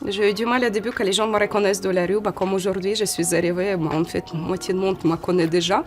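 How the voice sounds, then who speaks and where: A Ukrainian woman in her forties, speaking with a Ukrainian accent, is a model answering interview questions at a photo studio. Her voice is mid-range and steady in tone, but her delivery is halting and she often restarts.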